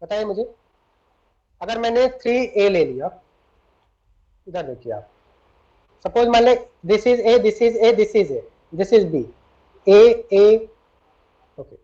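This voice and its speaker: This high, mellow male voice is animated yet takes things slowly, pausing often. In a classroom chemistry lecture captured on a dull lo-fi recording, he mixes Hindi and English, works through the material step by step, and frequently puts questions to his students.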